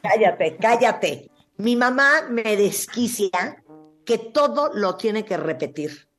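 A woman with a Mexican accent hosting a casual talk show, lively and animated, with faint music behind. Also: medium pitch, slow pace. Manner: lively, animated, jumps into loud imitations. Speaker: radio host.

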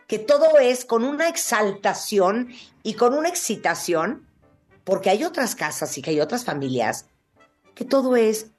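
Mexican female radio host, animated casual chat, slightly higher energy, faint music bed. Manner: lively, animated, jumps into loud imitations. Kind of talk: casual talk show chat.

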